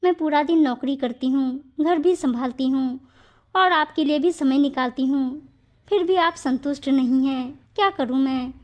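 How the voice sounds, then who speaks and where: A woman's voice: sits high, unhurried, highs cut off. A woman voicing an earnest young working daughter-in-law in a storybook tale, pleading and sincere.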